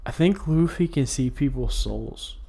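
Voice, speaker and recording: A drowsy man talking through a casual anime podcast, thinking out loud in loose, rambling sentences full of restarts. His voice sits at an ordinary middle pitch, and he sounds tired, as if fighting off yawns. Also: animated, measured pace, gravelly, husky. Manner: rambling, many fillers and restarts. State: sleepy, yawning. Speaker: podcast co-host.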